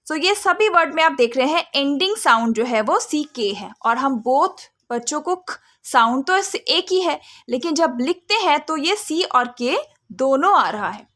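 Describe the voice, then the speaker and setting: A woman hosting a phonics lesson channel, explaining spelling rules deliberately and sounding words out letter by letter, mixing English phrases into her explanations. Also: high-pitched, sharp tone. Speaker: phonics teacher and channel host.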